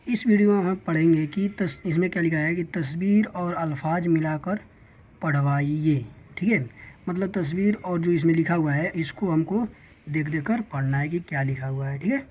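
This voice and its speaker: A woman's voice: sits low, a little mellow, a little hiss or hum. A woman teaching a beginners' reading lesson, patiently sounding out each letter and word step by step. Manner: patient, sounds out letters slowly, repeats "theek hai".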